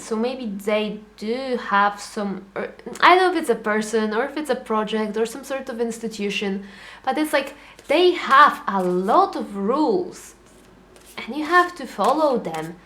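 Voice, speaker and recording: A young adult woman giving a casual tarot reading, chatty and animated, acting out little inner voices as she talks. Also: fairly high pitch. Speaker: tarot reader.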